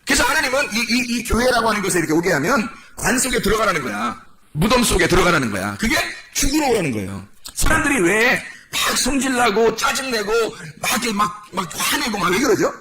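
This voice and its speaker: A male pastor preaching a sermon in a church, animated and full of rhetorical questions to the congregation. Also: high voice.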